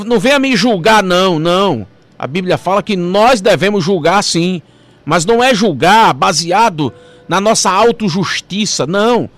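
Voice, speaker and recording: A male pastor delivers a sermon. His preaching swings between forceful, climbing emphasis and hushed, stretched-out phrases. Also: high voice, dry recording. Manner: dramatic preaching, rising to emphatic peaks and dropping to soft, slow phrases.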